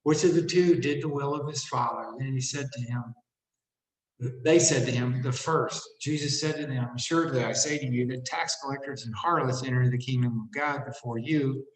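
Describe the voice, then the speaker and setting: A man reads scripture aloud at a steady, measured pace, his voice sitting at an ordinary middle pitch. The room adds a noticeable echo around his words. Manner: steady, measured reading with brief asides. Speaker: scripture reader. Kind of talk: plain Bible reading aloud. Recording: roomy echo.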